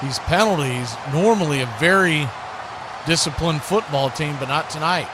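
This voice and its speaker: At a moderate pace and in a high-leaning voice, a man calls live American football, keeping his phrases short and clipped. He raises his voice on big plays, and the live stream is noisy with background sound.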